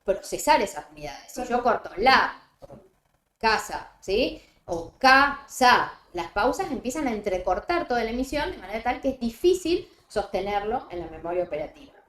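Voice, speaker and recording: A woman with a Rioplatense Spanish accent giving a seminar lecture, explaining step by step and often checking with a quick "¿sí?". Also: fairly high pitch, very animated. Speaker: lecturer on reading fluency. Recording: roomy echo.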